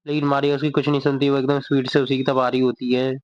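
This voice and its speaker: A man retelling a manga chapter as steady storytelling narration. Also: mid-range voice, quick pace. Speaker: manga explainer. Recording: dull dry recording.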